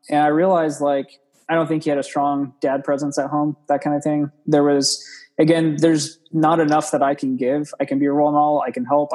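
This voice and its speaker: A man's voice: on the high side, a little mellow, rough recording. A young man as an interview guest, telling his story in an earnest, rambling way and often quoting what he said to himself.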